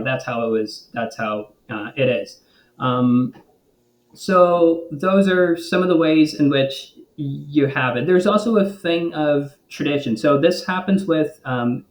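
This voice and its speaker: A man's voice: fairly high pitch, a little mellow. A man who is a guest linguist, explaining thoughtfully in conversation with frequent ums and restarts. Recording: roomy echo.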